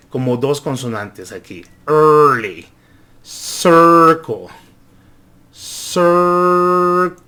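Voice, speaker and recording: In another pronunciation lesson, his medium-pitched, fairly bright voice says every word over and over. He draws out growling R sounds as a demonstration.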